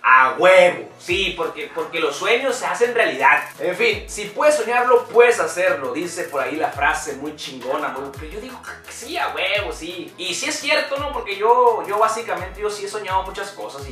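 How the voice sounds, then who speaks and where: Brief: young Mexican comic vlogger, profane and mocking, slightly high voice, recorded from a distance with faint music. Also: male voice, lively intonation, normal speed, hardly any pauses, bright, forceful tone, echoey room. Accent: Mexican Spanish. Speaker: comedy vlogger. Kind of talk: crude comedic rant.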